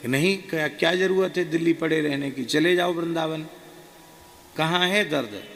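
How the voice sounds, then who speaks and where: A man voicing an elderly guru who chides a disciple gently but firmly, in a raised, emphatic tone. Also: a little high, moderate pace, voice pushed up. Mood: chiding. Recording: reverberant hall, faint ambient noise.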